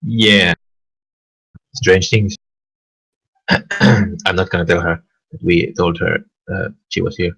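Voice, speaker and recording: A man playing a tabletop role-playing game, speaking hesitantly with pauses and fillers. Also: low voice, fairly even intonation, creaky, pushed and bright, husky, no room sound, low-quality recording. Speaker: player.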